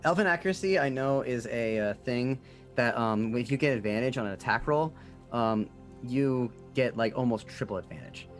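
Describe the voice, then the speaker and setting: A man's voice: mid-range voice, animated, moderate pace, soft background music. A young man chatting casually on a stream, laughing easily and explaining things with hesitant fillers. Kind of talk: casual chat on a live stream.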